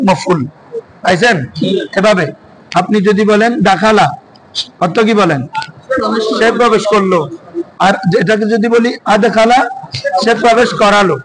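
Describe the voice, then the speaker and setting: Bangladeshi guy teaching grammar, keeps firing questions at the class, high voice. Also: background noise. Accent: Bangladeshi Bengali. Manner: drills students with repeated questions. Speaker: madrasa teacher. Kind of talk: classroom Arabic grammar lesson.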